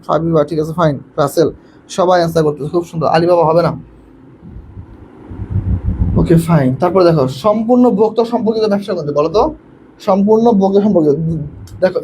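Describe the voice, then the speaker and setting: A young man from Bangladesh teaching an online admission coaching class, quizzing students and urging them to answer quickly, often repeating himself and mixing in English words. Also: on the high side, mellow, a little hiss or hum, low-quality recording. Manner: repetitive, mixes in English words.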